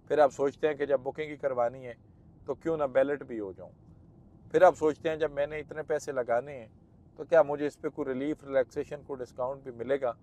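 A man speaking with a Pakistani Urdu accent, talking emphatically like a salesman. He narrates a site-visit vlog from a car driving through a construction site, pushing his pitch at a steady mid pitch. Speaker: property marketing host.

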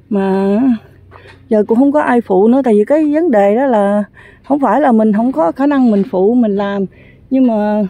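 Filming on a handheld phone, a woman tours an outdoor construction site, giving a chatty, rambling walking commentary full of fillers. Her voice is fairly high and mellow, with no room sound.

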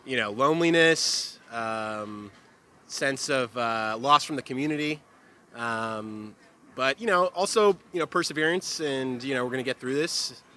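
A man's voice: mid-range voice, unhurried, sharp tone. A middle-aged man answering a street interview outdoors, hesitant with many fillers. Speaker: passerby interviewee. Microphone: handheld mic.

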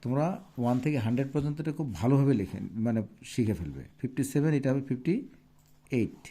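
Bangladeshi bengali accent guy teaching kids english, spells stuff letter by letter, mellow dark voice. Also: medium pitch, animated. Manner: explains slowly, spells out words letter by letter. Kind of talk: classroom lesson.

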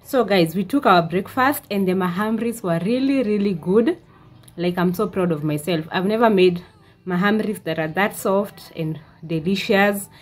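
A woman's voice: mid-range voice, normal speed. A woman in her twenties chatting casually in a home vlog, with frequent "uh" fillers, recorded in her living room. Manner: chatty, with many "uh" fillers and restarts. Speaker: vlogger.

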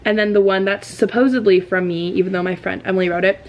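A young American woman talks casually to a handheld vlog camera like a bubbly sorority girl. Her voice sits at a middle pitch with noticeable creaky fry. There is some noise behind her. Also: steady tone, fast, dull audio. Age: young adult. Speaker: student vlogger, sorority member. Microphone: handheld camera at arm's length. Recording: faint to clear background noise, handheld camera.

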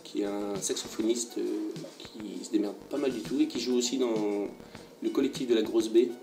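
A man talking casually in an interview about his show, pausing often with fillers. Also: lowish voice, gravelly. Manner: relaxed, halting with fillers. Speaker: performer interviewee. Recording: roomy, distant mic with music.

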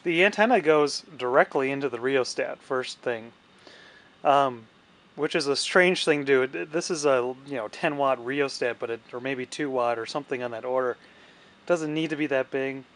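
A man with a medium-pitched, slightly bright voice walks through a repair at a moderate pace, a radio restorer thinking aloud in a casual demo. Background noise is clearly audible in the recording.

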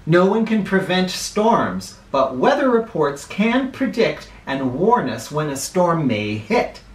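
A middle-aged American man whose voice sits high reads aloud to children as a picture book host, with spoken asides. Taking his time, he leans into words with very animated, swooping, dramatic intonation. The sound, captured by a camera in a small living room, is roomy.

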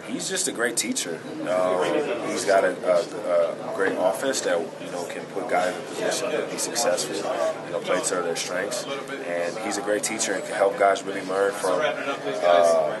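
A man in his twenties answering questions in a casual interview, informal and halting as he thinks aloud. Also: low voice, steady tone. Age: 20s. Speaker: basketball player being interviewed. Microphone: handheld camera and recorders held near. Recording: loud crowd chatter behind the voice.

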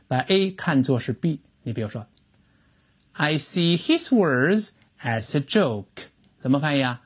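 A teacher giving a lively lecture on an English textbook lesson, explaining phrases emphatically and asking rhetorical questions. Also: medium pitch, slightly rough. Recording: dull lo-fi recording.

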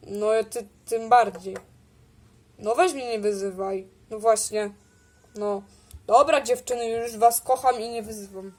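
A woman improvising a toy role-play, voicing several bickering characters in a playful way. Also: a little high. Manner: playful, bickering, switches between character voices. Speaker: toy video creator.

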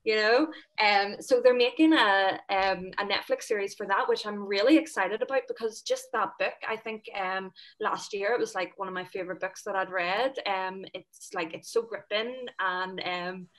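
A young woman with a Northern Irish accent, a panel guest, chats enthusiastically on a video call from a room at home via her laptop webcam. Her mid-range, fairly bright voice moves at a moderate pace with few pauses and lots of fillers.

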